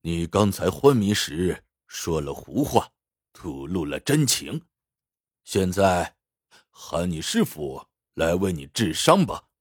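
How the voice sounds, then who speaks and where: A man voicing a cold, menacing army colonel who interrogates a captive, speaking slowly and deliberately in a husky, lowered voice. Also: big pitch swings, no echo, clean studio sound, full character voice. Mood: cold menace. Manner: cold and slow, deliberate threats.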